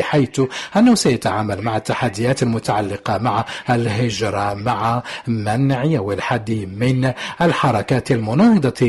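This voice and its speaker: A man giving a live interpretation of a formal speech in a measured, official tone, sometimes cutting off a word and restarting. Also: on the low side, darkish tone, slightly rough. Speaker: simultaneous interpreter.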